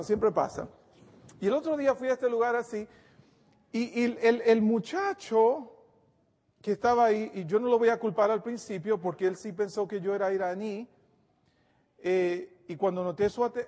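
High-voiced preacher in a reverberant hall. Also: male voice, moderate pace, a little mellow. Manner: earnest, repeats words and restarts, addresses the congregation directly. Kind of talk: sermon.

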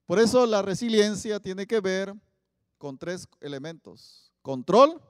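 A man preaching, his voice sitting high for a man. He keeps asking the audience questions and punches out Bible quotes. His voice rings out with a long reverb in a hall. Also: lively intonation, slow, smooth, clean studio sound. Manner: asks the audience many questions, loud emphatic Bible quotes. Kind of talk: sermon.

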